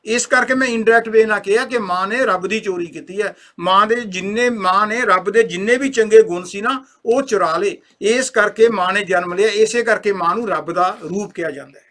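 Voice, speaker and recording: A man's voice: high-pitched, moderate pace, hardly any pauses, pushed and bright. A man giving an earnest talk, retelling a family story and voicing the people in it. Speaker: speaker on a talk program.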